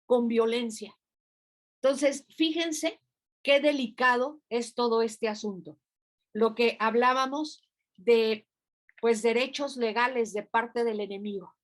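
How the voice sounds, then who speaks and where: An older woman pastor, preaching in a conversational way and acting out prayers and dialogue. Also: on the high side. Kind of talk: informal sermon.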